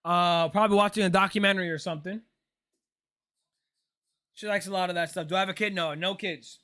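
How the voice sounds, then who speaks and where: Speaking fairly quickly in a high-sitting voice, a man in his late twenties chats loosely on his casual stream. Between reactions to a ball game, he answers chat questions and relaxedly says "bro."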